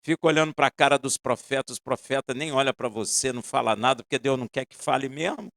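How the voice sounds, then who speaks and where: A man preaching a sermon, asking the congregation pointed questions and swinging between loud emphasis and quiet asides. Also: mid-range voice, fast, creaky, no room sound, studio quality.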